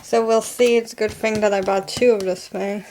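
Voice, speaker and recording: A woman's voice: mid-range voice, steady tone, normal speed, noisy background. A young woman vlogging casually at home, chatty and rambling, often correcting herself. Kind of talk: casual home vlog chat.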